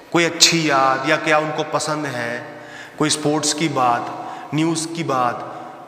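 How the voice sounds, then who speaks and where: A man's voice: a little high, bright, forceful tone. A man giving a motivational talk, speaking emphatically and directly to the listener as he lays out instructions. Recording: echoey hall with long reverb.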